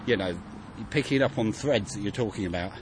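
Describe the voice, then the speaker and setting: A man chatting on a city walk, halting and restarting his sentences. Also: fairly low pitch. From England. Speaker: walk participant. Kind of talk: casual conversation while walking. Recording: outdoor street noise.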